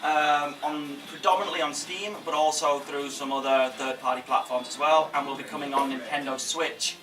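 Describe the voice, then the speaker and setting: A man's voice: a little high, fairly even intonation, moderate pace, far from the mic. A man giving an informal, jokey, conversational talk as a game publisher, often checking in with his audience. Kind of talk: informal conference presentation. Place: indoor event room with audience. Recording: echoey room from afar, faint noise.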